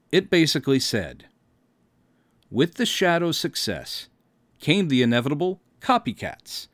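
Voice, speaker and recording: A middle-aged American podcast host and director from Texas reads scripted first-person narration with wry, theatrical storytelling flair. His mid-range voice comes through with no echo.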